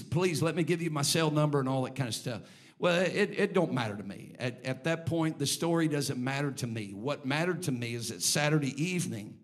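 A man, a bishop, preaching a sermon, telling a story in a conversational way and building to fervent exhortation. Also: medium pitch.

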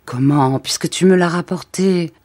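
A woman's voice: on the low side, normal speed, a little mellow, close to an everyday voice. A woman reading aloud voices an elegant, well-off lady who sounds startled and full of pity. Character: elegant well-off woman, ever young, shocked.

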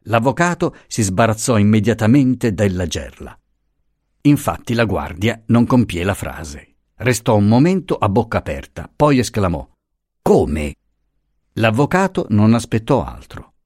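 A man reading a novel aloud as the narrator, in a measured, expressive way. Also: on the low side, dry recording, clean studio sound. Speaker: audiobook narrator.

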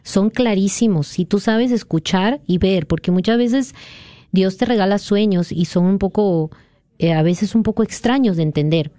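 A woman's voice: medium pitch, moderate pace, warm tone, dry recording, clean studio sound. A woman from Peru earnestly retelling a dream as a guest in a conversation. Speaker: guest sharing a testimony. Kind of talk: conversational storytelling.

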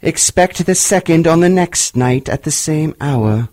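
A man voicing the mournful, stern ghost of a dead miser, declaiming slowly with anguish. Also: fairly high pitch, animated, darkish tone, no room sound, pitched above the performer's own voice. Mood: solemn.

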